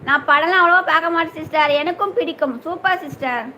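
A woman's voice: extremely high pitch, fast talker, sharp tone, slight background noise. A young woman hosting a casual live stream, greeting viewers by name and asking whether they have eaten.

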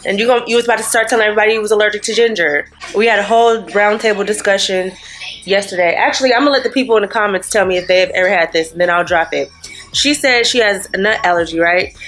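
A vlogger and mother in her thirties chats casually to camera from a hotel room, teasing and telling stories with quoted asides while sounding sniffly. Her medium-pitched voice is fast and fairly bright, with faint music behind.

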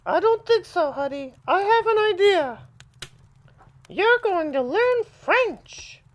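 A man pitching up to play a fussy mother dog, very high and swooping, with slow, drawn-out lines. She speaks with firm, doting authority. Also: very animated, full character voice. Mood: bossy.

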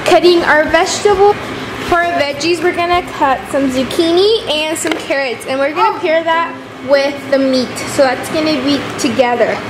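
A woman's voice: high-pitched, normal speed, low-quality recording. A teenage girl narrating a casual home cooking vlog, chatty and upbeat with lots of "like" and "um", filmed on a handheld camera in a home kitchen. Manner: chatty, upbeat, uses "like" and "um" often. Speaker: vlogger.

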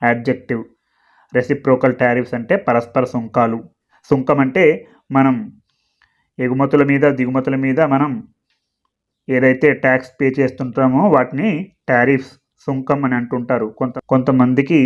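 Man, teacher, slow deliberate reading, quick explanations, mid-pitched, slightly muffled recording. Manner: reads English slowly and deliberately, explains quickly. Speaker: English teacher. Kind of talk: explaining word by word.

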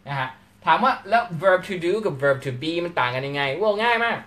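Lively Thai-speaking English teacher, man. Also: fairly high pitch, moderate pace. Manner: animated, acts out short question-and-answer exchanges. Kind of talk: live classroom lecture.

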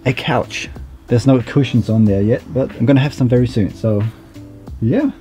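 Relaxed young man vlogging in a van. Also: mid-range voice, moderate pace, soft background music. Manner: relaxed, chatty, many fillers. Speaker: vlogger building a camper van. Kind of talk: casual vlog walkthrough. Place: inside a camper van, small wood-panelled space.

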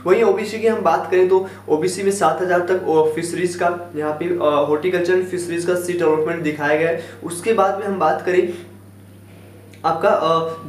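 A young man in his twenties, a counselor talking to camera, explaining admission cutoffs in a steady way and often saying "okay" between points. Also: high-pitched. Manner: steady, repetitive with fillers and "ठीक है". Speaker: education counselor and YouTuber. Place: small indoor room in front of a wooden door. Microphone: camera at close range, head and shoulders framed. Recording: echoey room with faint hum.

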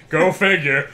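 A young man co-hosting a video game let's-play, joking and bantering with bursts of shouting. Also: fairly high pitch. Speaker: gaming channel co-host.

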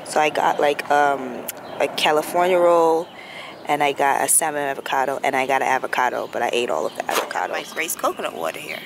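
A woman's voice: low voice, brisk, gravelly. Chatty woman vlogging outdoors in a park. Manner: chatty, rambling, relaxed. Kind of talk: casual vlog chat. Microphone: camera phone held at arm's length. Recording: noisy outdoor ambience.

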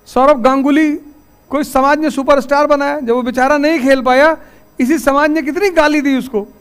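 Male exam-prep teacher with a high voice. Folksy, storytelling classroom lecture. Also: steady tone, moderate pace. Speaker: civil services exam teacher.

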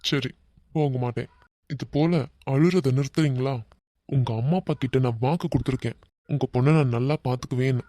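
A performer voicing an easygoing, teasing young man in a cartoon, with a Kanyakumari Tamil accent and a soft, coaxing way of talking. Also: mid-range voice, brisk, no room sound, clean studio sound, close to an everyday voice. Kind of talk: cartoon voice acting.

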